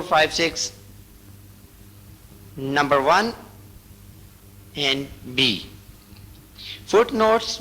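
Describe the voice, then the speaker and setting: In poor-quality audio, a man with a bright, fairly high voice deliberately reads out braille rules for instruction. He pauses between each short, broken phrase, patient as a teacher.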